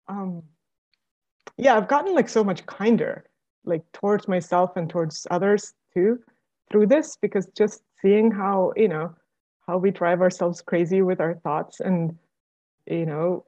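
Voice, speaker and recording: A woman in her forties, originally from Estonia, muses through a personal conversation in a slightly low, warm, mellow voice. She hesitates often, restarting phrases and filling pauses with "like" and "you know". The recording is dull and lo-fi. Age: 40s. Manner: hesitant, many fillers and restarts. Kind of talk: reflective conversation. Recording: dull lo-fi sound.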